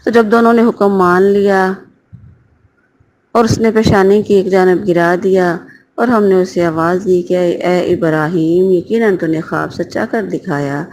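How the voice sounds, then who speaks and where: Woman w/ doing a quran lesson, lowish voice, reads arabic then explains it bit by bit, slight noise behind. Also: fairly even intonation, a little mellow, poor audio. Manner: reads Arabic phrases then glosses each in Urdu, with pauses and fillers. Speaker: Quran teacher. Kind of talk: word-by-word translation and tafsir lesson.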